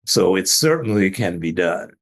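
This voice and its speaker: An older man with a low, gravelly voice speaks with a husky edge. He is a doctor telling stories in a casual podcast chat and laughs often as he goes. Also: big pitch swings, normal speed. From Jamaican family, trained in Atlanta. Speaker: physician guest. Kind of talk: casual interview talk.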